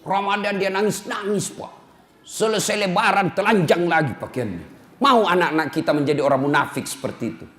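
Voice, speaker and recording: A man preaching a humorous sermon, animated and joking, acting out little dialogues. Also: high-pitched, a little fast. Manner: animated, jokes and acts out dialogue.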